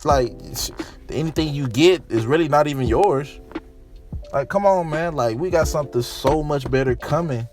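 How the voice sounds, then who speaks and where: A man's voice: fairly high pitch, normal speed, darkish tone. Slangy man preaching with faint music. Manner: casual slangy preaching, repeats himself, calls listeners "man". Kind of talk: informal sermon with scripture reading.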